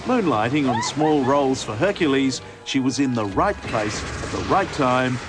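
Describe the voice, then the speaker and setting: A male TV reporter giving brisk, scripted documentary narration and asking questions. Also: mid-range voice, expressive, over loud music. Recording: noisy broadcast recording.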